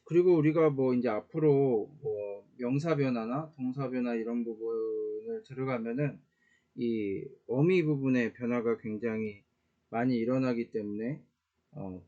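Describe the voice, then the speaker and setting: A man teaching a casual online Latin grammar lesson, explaining slowly with many "uh" fillers and small self-corrections. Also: medium pitch, warm tone, dull audio.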